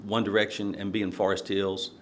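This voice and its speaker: Older man, from Nashville, low voice, rambling anecdotes, lots of fillers, faint hum behind. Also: level tone, brisk. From Nashville, Tennessee. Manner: rambling, many fillers, chuckles while telling stories. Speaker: podcast guest, court candidate. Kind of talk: casual interview, storytelling.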